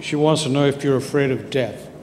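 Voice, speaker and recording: A male journalist moderating a live festival talk, relaying audience questions in a halting way. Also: medium pitch, a little mellow. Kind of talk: live stage interview questions. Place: large festival venue. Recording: long hall reverb, faint crowd and noise.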